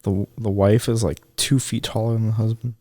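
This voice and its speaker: A man's voice: fairly low pitch, flat delivery, normal speed, warm tone, no room sound. A young man co-hosting a podcast in casual chat, laid-back and hesitant, often repeating himself. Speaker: podcast co-host.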